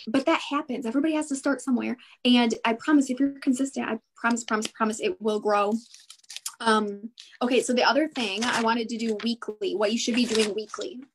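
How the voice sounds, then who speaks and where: A woman with a Midwestern American accent, bubbly and encouraging, giving a motivational sales talk during a live video. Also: on the high side. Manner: bubbly, encouraging, repeats herself. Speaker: direct sales consultant.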